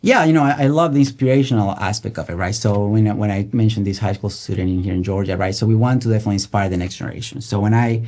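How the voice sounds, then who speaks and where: A middle-aged man from Colombia talks quickly in a relaxed, lower voice. He is an eager guest in an interview. He restarts sentences often and keeps tagging them with "right?". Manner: enthusiastic, with many restarts and "right?" tags. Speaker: guest researcher. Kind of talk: casual interview talk.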